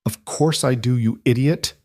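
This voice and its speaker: A man's voice: medium pitch, big pitch swings, moderate pace, darkish tone, no room sound, clean studio sound. A man voicing a distraught young woman who pleads and argues with a lover, in a dramatic story reading. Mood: raw. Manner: pleading, heated. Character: distraught young woman, fierce, desperate in love.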